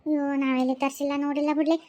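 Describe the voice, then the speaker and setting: A gossiping village woman chats quickly with her neighbors in a North Karnataka Kannada accent, as a woman voices her. Her voice is high and fast. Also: little pitch movement, mellow, close to an everyday voice. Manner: chatty, gossiping. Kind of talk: cartoon voice acting.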